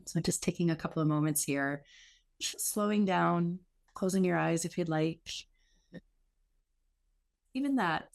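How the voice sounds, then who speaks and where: In a low-sitting voice, a woman leads a guided meditation. She takes her time, pausing often, and her instructions come across as soft and comforting.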